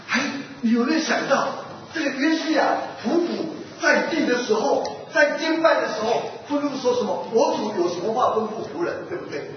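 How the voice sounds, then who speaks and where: A man's voice: very high-pitched, expressive, normal speed, hardly any pauses. A male pastor preaching a sermon, asking his listeners questions and acting out an animal fable. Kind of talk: sermon with storytelling. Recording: distant echoey hall, muffled, noisy.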